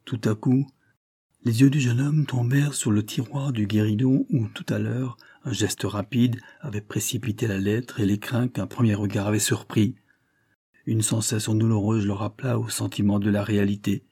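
A man narrating a classic novel in a steady, measured storytelling voice. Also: fairly low pitch, breathy edge. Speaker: audiobook narrator. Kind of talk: scripted literary narration.

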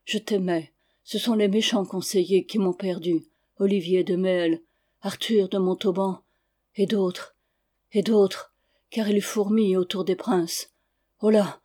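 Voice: mid-range voice, fairly even intonation, measured pace, warm tone, natural voice. A frightened old duke on his deathbed, speaking in brief, panting phrases. A reader acts him out in an audiobook, barely shifting from the narrating voice. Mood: pleading. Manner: short, gasping phrases. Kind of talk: audiobook reading.

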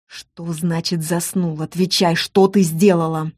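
A woman's voice: little pitch movement, a little mellow, slightly rough, no room sound, studio quality. Woman voicing a curt, commanding starship captain. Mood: demanding. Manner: curt, commanding, slow and low. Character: stern gruff male starship captain.

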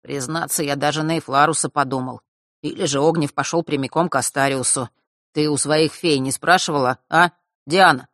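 A woman's voice: low voice, steady tone, normal speed, fairly bright tone, no room sound. A woman reading a wry, sly teenage boy with dry humor in an audiobook, close to her own voice. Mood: rueful. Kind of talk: audiobook character voice.

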